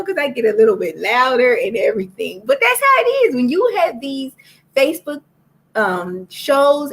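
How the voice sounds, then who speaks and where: A woman hosting a live-streamed book club, talking straight to her viewers in a chatty way. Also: mid-range voice. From Florida. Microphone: laptop or phone for a live stream.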